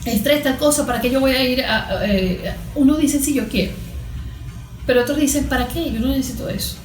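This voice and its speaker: Speaking fairly quickly in a high-pitched voice, a Venezuelan woman serving as guest cognitive therapist explains things in a conversational interview, often voicing small imagined examples. Faint music runs behind, and the sound is echoey and roomy.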